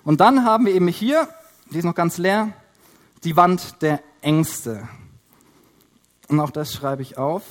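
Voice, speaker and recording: A man with a notably high-pitched voice preaching in a teaching style. He explains one point after another, often stopping with hesitation sounds while he writes and draws. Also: very animated, brisk. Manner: explanatory, with frequent hesitation fillers. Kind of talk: Bible teaching while drawing on a board.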